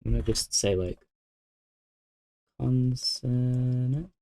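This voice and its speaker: Speaking at a normal speed in a fairly low, darkish voice, a young man chats casually on his game stream. He thinks out loud while working through a puzzle.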